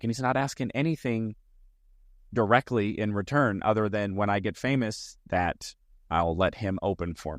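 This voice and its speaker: Recorded in clean studio sound with no room noise, this deep-voiced man talks alone on his comedy podcast. He's based in Arizona and reflects earnestly, linking his ideas together in long, list-like runs.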